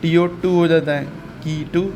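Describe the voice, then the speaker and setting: A man's voice: a little high, steady tone, a little slow, a little mellow, soft background music. A man teaching English reading, patiently repeating each sound and quizzing his learner step by step. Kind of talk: step-by-step phonics lesson.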